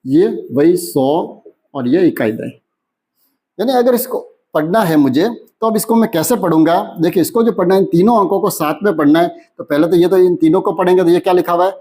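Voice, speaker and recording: A man teaching a maths lesson in who keeps asking questions and answering them himself, slowing down when he reads out numbers. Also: high voice, darkish tone, slightly rough. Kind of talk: classroom lesson explanation.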